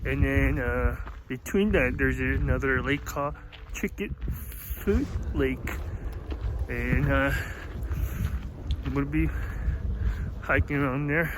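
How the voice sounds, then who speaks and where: A man giving a casual, halting vlog update, thinking aloud outdoors on a backpacking trip. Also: mid-range voice, noisy background. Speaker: solo backpacker filming a vlog. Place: outdoors in the mountains.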